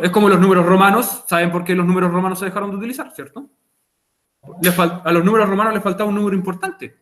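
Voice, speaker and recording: A Chilean man with a rather high voice leads a virtual English lesson. He goes over each point more than once in an easy, conversational way and checks in with his students over the call. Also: fairly bright tone. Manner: patient, repeats key points, chats with students. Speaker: English teacher. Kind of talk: online class explanation. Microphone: video call.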